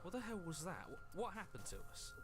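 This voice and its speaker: An actor playing an anxious, wavering voice in the hero's head in a video game. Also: male voice, sits high, big pitch swings, fast, over music. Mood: bewildered.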